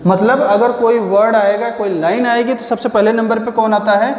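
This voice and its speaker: A man's voice: high-pitched, steady tone, normal speed. Man teaching in an echoey room. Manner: asks the class questions, then answers them; addresses listeners as children, patient explaining. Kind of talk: classroom-style lecture. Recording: echoey room with long reverb.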